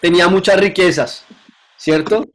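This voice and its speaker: A man's voice: sits high, moderate pace. A man teaching a Bible lesson to a class, asking questions and repeating key points.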